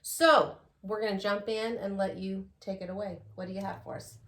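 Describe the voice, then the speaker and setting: A woman hosting a casual show, introducing a guest in a relaxed way with fillers. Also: medium pitch, moderate pace, echoey room. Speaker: host.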